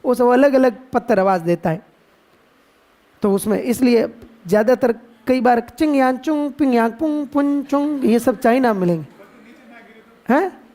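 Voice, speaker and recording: A man with a Rajasthani Hindi accent teaching geography to a class, playful and quizzing students with drawn-out repetitions. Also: extremely high pitch, warm tone. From India. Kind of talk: classroom lecture.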